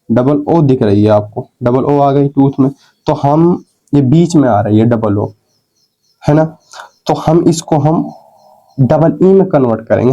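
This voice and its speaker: Heard through a muffled recording, this English teacher has a dark-toned, mid-range voice. He walks students through grammar rules with patience, asking questions and answering them himself, and repeatedly says "ठीक है" to make sure they follow.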